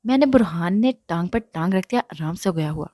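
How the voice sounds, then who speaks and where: A woman narrating a romance novel in a steady, even storytelling manner. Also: lowish voice, no room sound, studio quality. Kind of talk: reading a romance novel aloud.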